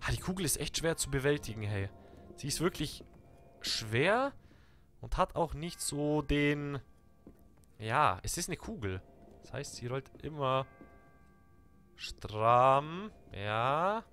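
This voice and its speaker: A young man with a German accent, chatting excitedly to viewers while playing a video game. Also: mid-range voice, takes it slowly, pauses often, soft background music. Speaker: let's play gamer. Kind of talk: live game commentary.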